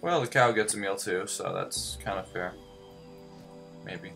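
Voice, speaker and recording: A man's voice: fairly low pitch, a little slow, gravelly, pushed and bright. A man hosting a gaming video with casual, rambling commentary and joking asides. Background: game music.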